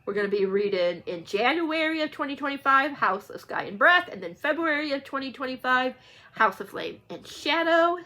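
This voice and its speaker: In a high voice with lively intonation, this book vlogger speaks at an ordinary pace, bright and forceful. She hosts a read-along, chatting unscripted to viewers, rambling and self-correcting.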